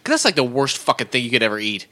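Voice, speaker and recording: A man's voice: medium pitch, sing-song, very fast, sharp tone. A man co-hosting a podcast, bantering with teasing sarcasm in casual chat. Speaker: podcast co-host.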